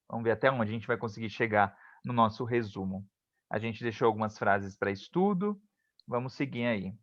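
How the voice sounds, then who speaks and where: A man teaching an English class online, saying English examples slowly and clearly, then translating them and often checking that the students follow. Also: lowish voice, lively intonation, no echo, highs cut off. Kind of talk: online class, explaining grammar.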